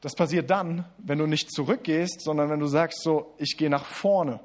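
Guy preaching in german, kinda high voice, talks right at you, lots of restarts, speeds up then slows way down for the big points. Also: fairly even intonation, a little mellow. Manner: addresses listeners directly as du, with many restarts and fillers; swings between quick asides and slow, emphatic lines. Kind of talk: sermon.

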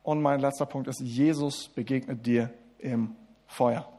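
A man preaching a sermon in German. He speaks straight to the listeners, stumbles and restarts often, and switches between quick asides and slow, stressed lines. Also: mid-range voice, steady tone, warm tone. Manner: addresses listeners directly as du, with many restarts and fillers.

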